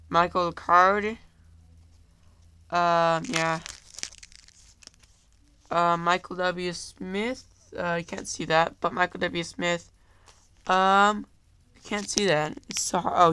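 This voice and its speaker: Filming at home on a handheld camera, a male YouTuber who has a cold wanders through a casual monologue packed with fillers, apologies, and repeated "guys." He sounds high-pitched and sharp, with slight background noise.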